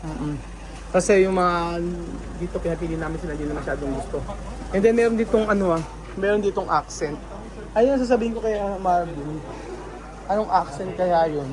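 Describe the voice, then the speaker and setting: A man's voice: high-pitched, fairly quick, crowd noise, low-quality recording. A man from the Philippines vlogging casually in a house under renovation, chatting to his viewers with many fillers and restarts. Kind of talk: casual vlog commentary to viewers.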